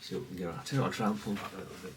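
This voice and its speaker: Talking at a racing pace in a deep voice, a hobbyist presenter rambles through an off-the-cuff show-and-tell. His manner is casual, self-effacing and understated. He's far from the mic, with background noise.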